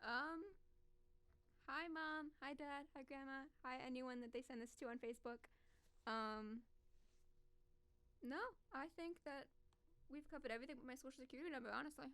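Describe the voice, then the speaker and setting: Teasing young woman guest, slightly high voice. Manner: teasing, deadpan and quick-witted. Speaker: podcast guest. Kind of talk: casual interview.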